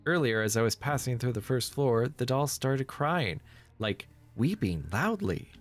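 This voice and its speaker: A man's voice: medium pitch, expressive, unhurried, natural voice. A man voicing a rattled, sarcastic young student survivor in a horror game, informal and exclamatory. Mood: urgent, chatty. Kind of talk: amateur game dialogue voice-over.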